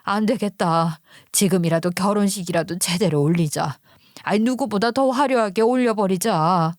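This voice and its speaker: A woman voicing a tearful, remorseful older mother who speaks slowly in a story reading. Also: mid-range voice, dry recording, studio quality, lightly acted. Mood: emotional.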